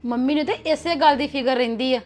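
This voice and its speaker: A young actress playing a cautious, gossiping elder sister-in-law who talks in a confiding manner. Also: female voice, high voice, a little fast, a little mellow, soft background music, natural voice. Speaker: actor. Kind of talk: web series drama acting.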